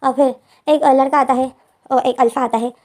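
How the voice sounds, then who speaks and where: A woman's voice: high-pitched, fairly even intonation, moderate pace, darkish tone. A woman retelling a fan fiction story as a storyteller, narrating in a plain, explanatory way.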